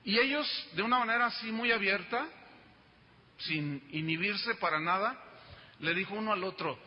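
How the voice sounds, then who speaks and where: A man preaching in a church hall, his voice high for a man and lively as he tells a story and acts out its voices. The sound is dull, with a long echo trailing through the hall. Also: normal speed. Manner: animated, acts out the quoted voices. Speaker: pastor. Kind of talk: sermon storytelling.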